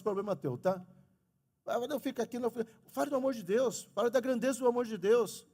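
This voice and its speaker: A middle-aged man preaching a lively sermon as pastor in a church, speaking to the congregation. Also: high voice. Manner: animated preaching, talks of his own stutter. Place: church sanctuary. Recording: long reverb of a church hall.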